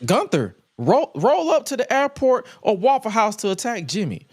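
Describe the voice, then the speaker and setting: A man's voice: sits high, wildly swooping pitch, normal speed. A man co-hosting a casual wrestling talk, blunt, emphatic and given to swearing. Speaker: wrestling podcast co-host. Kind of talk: casual chat, opinionated commentary.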